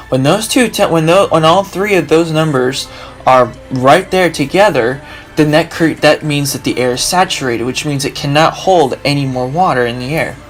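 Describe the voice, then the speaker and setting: Groggy-voiced man explaining weather. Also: a little high. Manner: rambling with many restarts and fillers. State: groggy voice from allergies. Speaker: weather video host. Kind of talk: casual explainer video.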